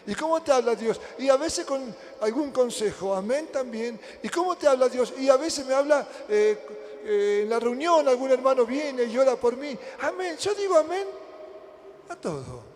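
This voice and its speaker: A man with an Argentine accent preaching a sermon as pastor. He swings between loud emphatic lines and hushed near-whispers, and asks many rhetorical questions. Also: extremely high pitch, lively intonation, normal speed. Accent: Argentine Spanish. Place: church hall. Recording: reverberant church hall.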